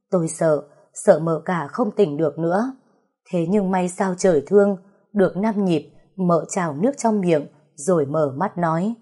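A woman narrating a first-person story in a slow, emotional, dramatic reading. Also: fairly low pitch, dark tone.

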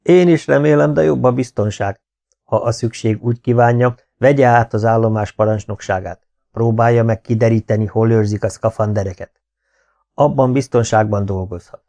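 A male audiobook reader voicing a brisk, practical male conspirator who gives earnest instructions. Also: medium pitch, dark tone, close to an everyday voice. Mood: instructive.

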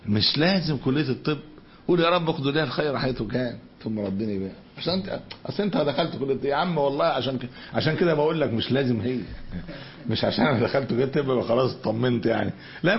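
A man's voice: mid-range voice, animated, rapid-fire. A man with an Egyptian Arabic accent teaching a colloquial religious lesson, often asking rhetorical questions and then answering them, and moving between everyday talk and recited scripture. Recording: dull lo-fi lecture recording with faint noise.

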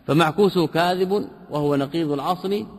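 Male teacher, slightly high voice, commentary lesson on a text, quizzing listeners, long hall reverb. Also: a little mellow. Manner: reads a passage, then explains it with rhetorical questions; repeats key terms slowly for emphasis. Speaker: teacher explaining a classical logic text.

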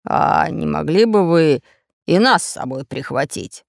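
Casting: gruff low-voiced pirate man in a kids' audiobook , voiced by a woman, slow and sly, dry close sound. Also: expressive, no echo, full character voice. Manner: deep gruff booming, slow. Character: red-bearded male pirate, gruff and scheming.

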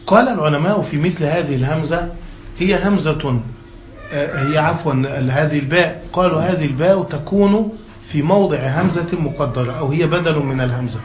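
Male grammar teacher with a fairly high voice, reading a text aloud and explaining it to a class, often asking whether they follow; echoey, muffled recording. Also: brisk. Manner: keeps checking that students follow; reads passages aloud, then explains them. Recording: echoey, dull lo-fi room recording with faint hiss.

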